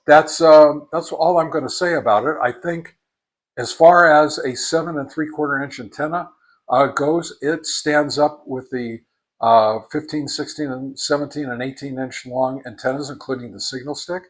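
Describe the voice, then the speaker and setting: A hobbyist reviewer, this man gives a casual spoken product review in a halting, deliberate way, repeating words for emphasis. His pitch is fairly high and his tone stays steady.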